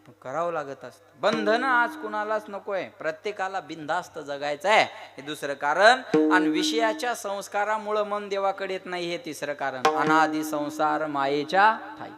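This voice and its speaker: A man's voice: sits high, sharp tone. A man with a Marathwada Marathi accent preaching a devotional kirtan sermon, firing rhetorical questions and prodding the crowd to answer.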